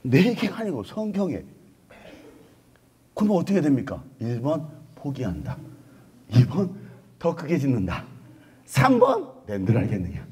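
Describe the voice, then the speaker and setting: A male pastor preaching a revival sermon at a university chapel, animated and playful with the crowd, often breaking into shouts. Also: a little high, unhurried, pauses often, husky.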